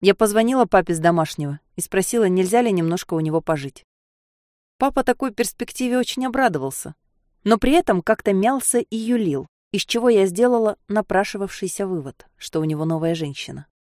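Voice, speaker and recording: A woman narrating a novel in the first person with a steady, measured reading. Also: mid-range voice, no room sound, studio quality. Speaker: audiobook narrator.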